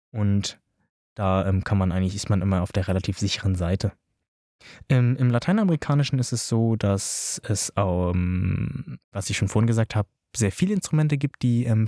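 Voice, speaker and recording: Chatty man teaching dance, dark voice. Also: on the low side, dry recording, clean studio sound. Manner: chatty, filler-heavy, addresses listeners directly. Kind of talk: informal spoken tutorial.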